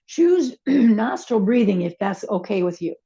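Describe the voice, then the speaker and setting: A woman teaching a chair yoga and meditation class, giving gentle, unhurried cues with soft asides. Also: medium pitch, sing-song, gravelly, breathy edge, dull audio. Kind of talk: guided yoga class instruction.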